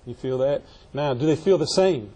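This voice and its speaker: A man's voice: medium pitch, moderate pace, mellow, low-quality recording. A man teaching a classroom EMS training session, quizzing his trainees and joking with them. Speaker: EMS instructor.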